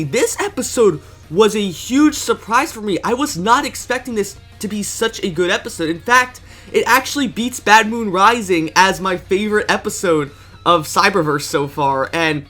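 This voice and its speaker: Congested man with a bright, forceful voice. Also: high-pitched. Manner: eager, enthusiastic, self-correcting. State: congested, stuffy nose. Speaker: video reviewer. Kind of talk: casual review commentary.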